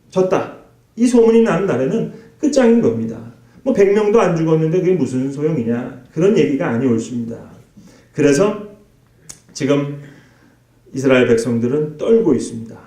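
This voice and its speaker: A man's voice: fairly high pitch, dark tone. A man preaching a Sunday sermon as pastor, emphatic, acting out pleading prayers. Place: church sanctuary. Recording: echoey church hall.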